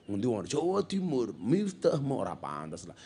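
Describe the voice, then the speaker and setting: Brief: male Islamic preacher, comic sermon delivery, playful and storytelling, steady mid-range voice. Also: mid-range voice, moderate pace, slightly rough. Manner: joking, mixes Javanese with Indonesian, acts out the people in his stories. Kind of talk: humorous sermon at a religious gathering.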